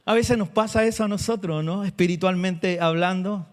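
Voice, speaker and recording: A male pastor delivers a sermon, putting questions to the congregation and slowing down to stress key words. His voice sits high.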